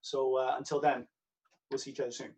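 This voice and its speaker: A man's voice: medium pitch, little pitch movement, a little fast, a little mellow. A man hosting a film festival Q&A over a video call, stumbling and apologizing as he talks. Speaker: festival Q&A host. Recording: distant from the mic.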